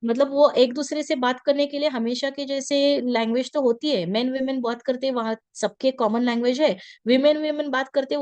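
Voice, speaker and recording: A woman lectures online, switching between Hindi and English. Her voice sits a bit high, and she often hesitates, filling gaps and restarting sentences. The sound is close and dry, with no room around it. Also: darkish tone, no room sound. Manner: hesitant, many fillers and restarts.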